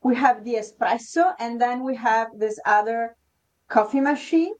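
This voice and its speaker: A woman's voice: on the high side, measured pace, a little mellow, rough recording. A woman, speaking English as a guest on a podcast, explaining in a hesitant way with restarts. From Italy. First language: Italian. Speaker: podcast guest, leadership consultant. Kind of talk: casual interview chat.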